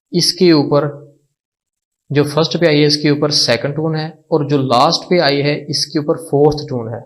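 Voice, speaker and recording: A man's voice: fairly high pitch, low-quality recording. A man teaching a language lesson. He repeats each word several times and asks questions before answering them himself. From Pakistan. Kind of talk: slow, repetitive lesson explanation.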